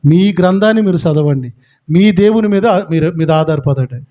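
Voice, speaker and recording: A man's voice: fairly high pitch, moderate pace, highs cut off. A man preaching a sermon as a pastor, emphatic, with frequent rhetorical questions.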